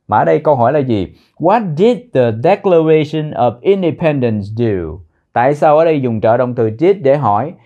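A man teaching a citizenship test lesson, repeating words slowly in pronunciation drills. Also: on the high side, warm tone, dull audio. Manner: slow, drawn-out pronunciation drills.

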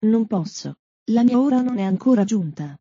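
An insolent male demon sneers back from a child's body, read out by a woman. The tone is very dark and husky. It comes on a dull, dry, lo-fi recording. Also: on the high side, expressive, moderate pace, no echo. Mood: defiant. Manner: insolent, mocking retorts.

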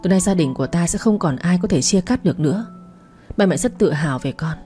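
A woman's voice: fairly low pitch, lively intonation, a little fast, dark tone, faint music behind, close to an everyday voice. A woman voicing a grieving mother who speaks with choked earnestness. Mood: grave. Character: grieving mother, firm and tearful.

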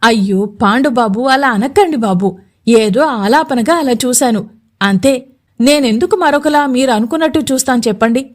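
A woman voicing a scheming lowly male servant who fawns and pleads with his master in an audio story. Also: moderate pace, lightly acted. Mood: pleading. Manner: fawning, pleading, gossipy.

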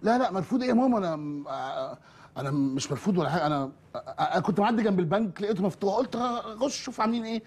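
A man's voice: sits high, animated, rapid-fire, darkish tone, breathy edge, exaggerated voice. A stammering Egyptian young man. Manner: stammering, excuse-making. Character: sheepish young man caught out by his mother.

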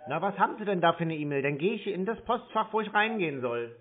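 A man's voice: high-pitched, expressive, fast talker. A man stringing along a scam caller on the phone, playing dumb, stalling and teasing. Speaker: scam-baiting call recipient. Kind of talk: prank phone call. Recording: tinny phone line.

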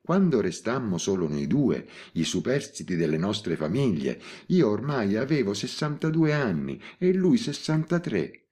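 A serene old woman in her eighties, voiced by a male audiobook reader, speaking in a raised, bright register. She stays composed and matter-of-fact, with a lively rise and fall. Her pace is unhurried and measured. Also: on the low side, pitched above the performer's own voice. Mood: recounting. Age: 80s. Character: elderly spinster woman, calm and unrepentant. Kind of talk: audiobook character reading.

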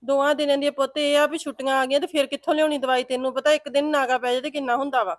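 A woman with a Punjabi accent playing a quick-tongued village mother who scolds and chats with her grown son and a neighbour in a drama. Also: high voice, level tone, dry recording, studio quality, natural voice. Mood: scolding. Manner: nagging, fast and insistent.

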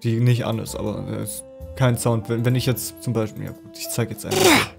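Casual German-speaking man explaining software. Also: medium pitch, fairly even intonation, a little fast, vocal fry, over music. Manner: casual explaining with fillers, addresses viewers directly. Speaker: tutorial host. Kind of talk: screen-recorded software tutorial.

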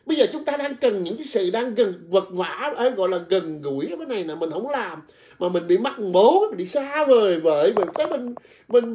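A man's voice: very high voice, a little mellow. A man ranting on a livestream, coarse and insulting, repeating himself as he heaps scorn on his targets. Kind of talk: heated livestream rant.

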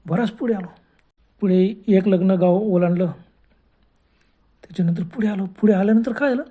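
A woman narrating a first-person ghost story in a colloquial, unhurried way, often stopping to restart a phrase. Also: mid-range voice, dark tone. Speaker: horror storyteller.

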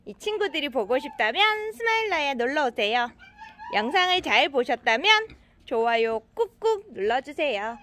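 A woman with a high, bright voice narrates a casual vlog as an animal cafe owner. She calls her cats in a sing-song, coaxing way. She is recorded outdoors in a yard. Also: very animated, normal speed.

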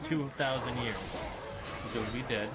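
A man's voice: medium pitch, measured pace, over loud music. A man co-playing a game on stream, making dry wisecracks in casual chat. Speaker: co-player. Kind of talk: casual let's-play chat.

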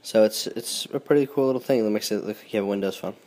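Nasal, low-voiced man with a cold. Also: quick pace. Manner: relaxed, chatty, with frequent ums and restarts. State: sick with a stuffy nose. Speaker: host. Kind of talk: casual phone tutorial walkthrough.

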